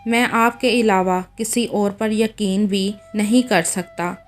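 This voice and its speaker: A woman's voice: medium pitch, steady tone, takes it slowly, soft background music, natural voice. A woman voicing a young husband, defensive and pleading, in a read-aloud story. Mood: anxious. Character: young husband, quick-tempered then regretful.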